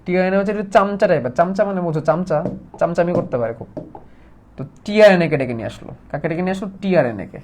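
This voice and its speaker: A man teaching a casual biology lesson, lively and full of questions to students. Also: sits high, racing, slight background noise. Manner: lively, asks students questions and plays out molecules as characters.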